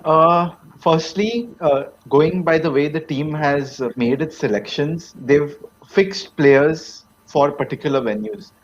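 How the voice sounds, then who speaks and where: A man who is a guest cricket fan, giving a measured, hesitant analysis with many fillers. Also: a little high, lo-fi sound, slight background noise. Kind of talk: casual analysis on a video chat.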